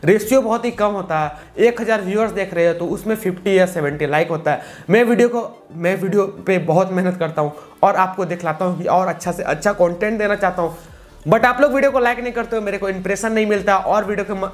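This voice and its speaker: A man in his 20s walks through a casual video-editing tutorial step by step, repeating himself as he goes. His voice is high-pitched and fast.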